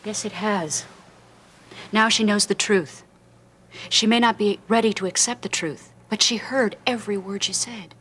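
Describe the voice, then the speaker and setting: An actress with a husky voice playing a calm, wise woman who talks earnestly to a friend. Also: mid-range voice, normal speed. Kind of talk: soap opera acting.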